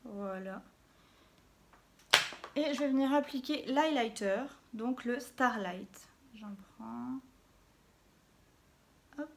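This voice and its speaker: This beauty vlogger's slightly high voice is creaky, and she draws out her words and pauses often, with background noise on her phone camera audio. Casual and chatty, she narrates her makeup routine, filling gaps with little interjections.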